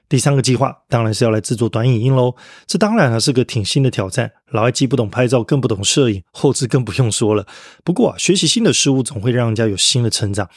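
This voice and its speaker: A man's voice: mid-range voice, no room sound. Upbeat male podcast teacher, dry close sound. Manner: friendly, upbeat, spells words letter by letter, ends phrases with soft particles. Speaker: English vocabulary teacher and podcast host. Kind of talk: podcast vocabulary lesson.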